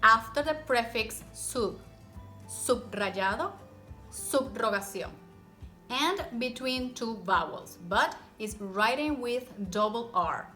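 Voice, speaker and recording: A woman gives an instructional pronunciation lesson in a bright, fairly high voice. She speaks at an unhurried pace, demonstrating rolled and tapped r sounds step by step, with faint music behind her. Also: animated. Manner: encouraging, step-by-step, repeats example words slowly. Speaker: Spanish pronunciation teacher. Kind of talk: instructional language lesson to camera.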